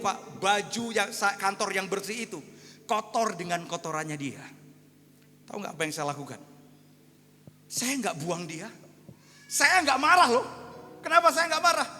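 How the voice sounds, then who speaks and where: A male pastor in his thirties preaching a storytelling sermon to a congregation, moving between hushed and fervent delivery. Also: very high-pitched. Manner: storytelling, addresses congregation as Pak and saudara; swings from hushed to loud, fervent. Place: church hall. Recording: long echo of a church hall.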